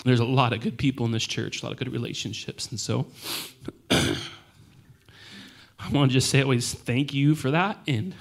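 A man in his thirties speaks as a pastor looking back on his work. His voice is hoarse and worn, as if it has nearly given out. He talks casually and haltingly at a church service, with a self-deprecating, informal touch. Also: medium pitch. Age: 30s.

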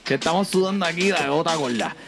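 Energetic man hosting, music under. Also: a little high, fast. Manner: energetic, teasing, rattles off stats. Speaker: podcast host. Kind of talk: casual sports podcast chat. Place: at home. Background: music bed.

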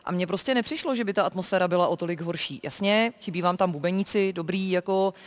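A woman talking as a sports reporter in a football discussion, animated and emphatic. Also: on the low side, big-room sound.

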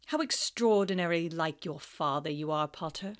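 A woman's voice: sits low, voice pushed down, lightly acted. A woman putting on Snape, a cold sneering professor. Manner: slow, menacing and sneering.

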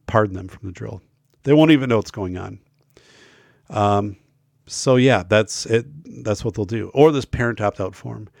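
Feeling unwell and losing his voice, the middle-aged host of a school safety talk show talks casually to camera with emphasis, many fillers and frequent restarts. His voice is medium-pitched and creaky, captured dry with clean studio sound.

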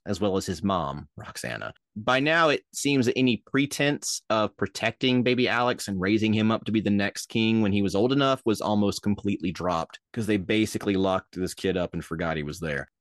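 A young man with a Minnesotan accent, hosting a casual history podcast as a lively storyteller with jokey asides. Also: lowish voice, dry recording, clean studio sound. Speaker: podcast host.

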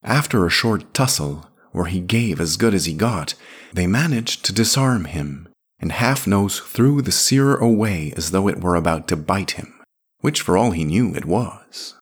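A man narrating a scripted fantasy story in a measured, expressive reading. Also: sits low, breathy edge.

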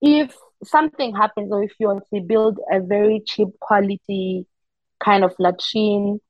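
A young woman from Zimbabwe, a humanitarian worker, telling her story as an interview guest in animated, casual conversation. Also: mid-range voice, moderate pace, dry recording, dull audio. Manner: animated storytelling with frequent laughs and quoted asides.

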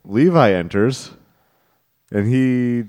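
A man's voice: mid-range voice, animated, slow, a little mellow. A man hosting a comedy improv game in casual, playful, jokey banter.

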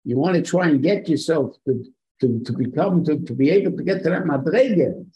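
A man's voice: a little high, expressive, normal speed, mellow, slightly rough, lo-fi sound. A man gives an informal religious lecture as a rabbi, using rhetorical questions and short, emphatic repetitions. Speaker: rabbi giving a Torah lesson.

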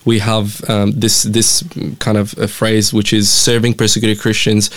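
Romanian-accented man, low smooth voice. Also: monotone, measured pace. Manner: friendly, hesitant with many fillers and restarts. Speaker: mission representative, guest. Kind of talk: casual interview chat.

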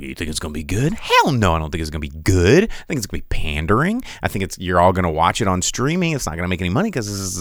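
Ranting casually about movies on his solo podcast, a man speaks in a mid-range voice with a clean tone. He rambles with animation, frequently stumbling and starting over. There's no echo, just clean studio sound.

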